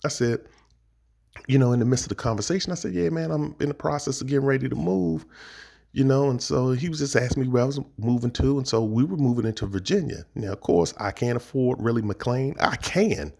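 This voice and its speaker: Gravelly-voiced D.C. man telling a story. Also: medium pitch, lively intonation, a little fast, dark tone. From Washington, D.C. area. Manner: laid-back, rambling, slangy. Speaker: podcast host. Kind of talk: casual storytelling monologue.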